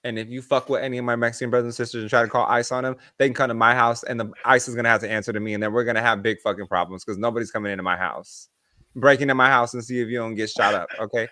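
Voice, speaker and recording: A man co-hosting a podcast, telling animated stories in casual chat and swearing freely. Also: mid-range voice, rapid-fire, no echo, studio quality. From United States. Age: adult, past his early twenties. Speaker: podcast co-host.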